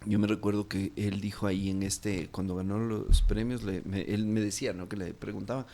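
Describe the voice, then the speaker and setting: A man's voice: fairly low pitch, flat delivery, normal speed, dark tone. A man with a Quito Ecuadorian accent, an actor chatting as an interview guest, rambling with many fillers and restarts. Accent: Quito Ecuadorian Spanish. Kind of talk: casual interview talk.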